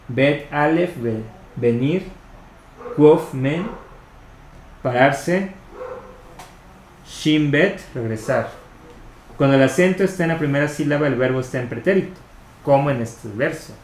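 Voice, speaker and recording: Man, measured explanatory reading, slow over foreign terms, faint hiss, reverberant room. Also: medium pitch. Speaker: Torah study reader. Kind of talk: reading a commentary aloud. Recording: echoey room with faint noise.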